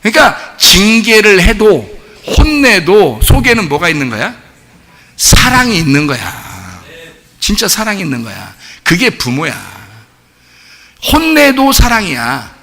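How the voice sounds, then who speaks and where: A male pastor preaching a sermon, animated, with rhetorical questions, swinging between shouting and low asides. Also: a little slow. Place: church sanctuary. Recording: long church-hall reverb.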